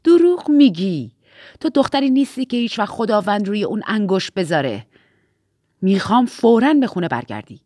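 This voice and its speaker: A woman's voice: mid-range voice, sing-song, warm tone, no echo, studio quality. A woman voicing an angry, domineering middle-aged stepmother who scolds coldly and gives orders. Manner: scolding, cold, commanding.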